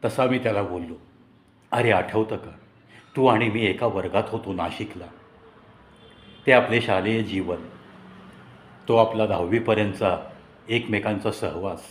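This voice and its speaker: A man narrating a personal story in a conversational, reflective way with dramatic pauses. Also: fairly low pitch. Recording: echoey room.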